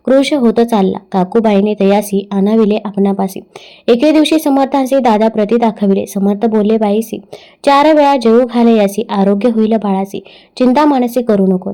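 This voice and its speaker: Mellow woman reciting devotional verse. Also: on the high side. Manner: steady recited verse cadence. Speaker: scripture reader.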